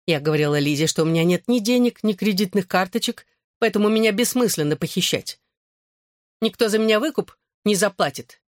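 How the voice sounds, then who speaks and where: A man reading an audiobook who voices a paranoid, furious woman around forty, with a shrill, hostile and suspicious delivery. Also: animated, brisk, no echo, clean studio sound.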